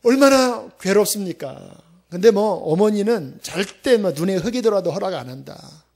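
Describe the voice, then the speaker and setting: High-voiced man telling a sermon story. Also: expressive, normal speed, darkish tone. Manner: emotional retelling, acting out prayers and quotes. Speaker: pastor.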